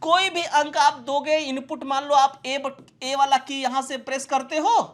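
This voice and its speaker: Leading a classroom-style computer lesson, a male computer teacher speaks in an unusually high, fairly bright voice with a steady tone. He keeps asking quick check questions to make sure everyone follows.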